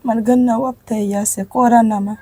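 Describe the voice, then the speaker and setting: A woman, crying as she tells of her hardship in a halting, pleading way. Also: on the high side, fairly even intonation, dark tone, slightly rough, dry recording. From Gujarat. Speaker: interviewee, widowed mother. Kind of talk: emotional testimony.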